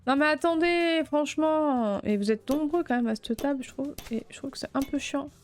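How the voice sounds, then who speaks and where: A woman's voice: high-pitched, normal speed. A woman streaming a video game, chatting playfully with the game's customers and breaking into flustered outbursts when things go wrong. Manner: flustered outbursts and shouting at chaos. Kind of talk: let's play commentary.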